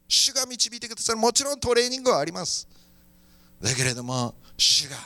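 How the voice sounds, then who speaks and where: High, bright-voiced fervent male pastor. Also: dry recording. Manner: fervent, moves between preaching and praying aloud. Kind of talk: sermon with prayer.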